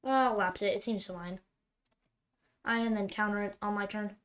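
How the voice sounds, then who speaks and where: Live card-game commentary from a woman streamer at normal speed, her medium-pitched voice fairly even in intonation. Between self-directed remarks, she lets out exasperated outbursts whenever luck turns against her.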